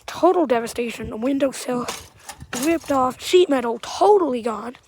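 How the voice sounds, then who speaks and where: A soft-spoken Southern-sounding woman, halting storm-damage commentary. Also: high-pitched, animated, a little hiss or hum. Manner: halting, rambling, often trailing off quietly. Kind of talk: walking tour commentary. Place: outdoors at a damaged site.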